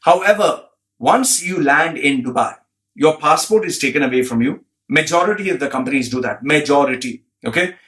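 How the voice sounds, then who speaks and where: A man's voice: on the high side, animated, moderate pace, a bit bright. A man giving a blunt, profane commentary, repeating phrases for emphasis and reading out an article.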